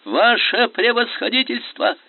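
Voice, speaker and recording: A man's voice: moderate pace, gravelly, husky, no room sound, heavily acted. A man voicing a cowardly young lieutenant who pleads in panic. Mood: pleading. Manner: panicky, pleading, high-strung. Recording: tinny phone-like sound.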